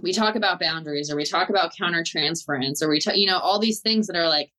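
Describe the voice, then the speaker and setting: A woman's voice: on the low side, fast talker, pushed and bright, rough recording. A woman with a Southern Californian, slightly Valley girl accent, chatting informally as a therapist being interviewed, peppering her talk with "like" and "totally". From Southern California, United States. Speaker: therapist, guest. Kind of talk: casual interview chat.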